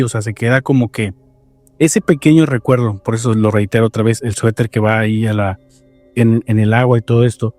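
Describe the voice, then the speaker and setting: Mellow-voiced Mexican man telling eerie stories. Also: medium pitch, no echo. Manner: animated storyteller, rambling with repeated restarts. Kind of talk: casual paranormal storytelling chat.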